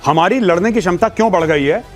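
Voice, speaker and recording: A man's voice: sits high, fast, soft background music. A man speaking as a guest defence expert on a TV news debate, talking in a conversational, mocking, jokey way. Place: TV studio.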